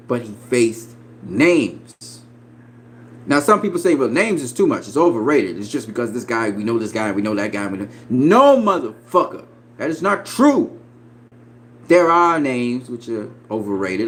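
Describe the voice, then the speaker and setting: A man in his forties giving casual, profane boxing opinions, swinging between loud emphatic bursts and quiet asides. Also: medium pitch, slight background noise, poor audio. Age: 40s. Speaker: boxing commentator.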